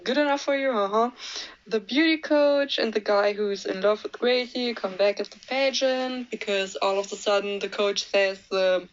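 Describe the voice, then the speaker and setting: A woman's voice: mid-range voice, measured pace. Young woman, casual recap host, blunt and cheeky, mid voice, lo-fi mic. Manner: blunt, sweary, laughs at her own jokes. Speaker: movie reviewer.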